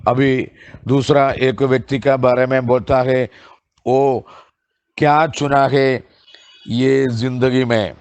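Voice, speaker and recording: A male preacher delivers a sermon at an unhurried, measured pace in a flat, even tone. He stumbles and restarts phrases with filler sounds, and he reads scripture passages slowly and deliberately. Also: medium pitch, smooth.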